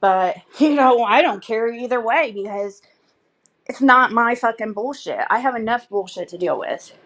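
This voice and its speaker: A woman's voice: a little high, moderate pace, fairly bright tone. A woman chatting casually and bluntly to viewers on a livestream, rambling in a gossipy, sweary way.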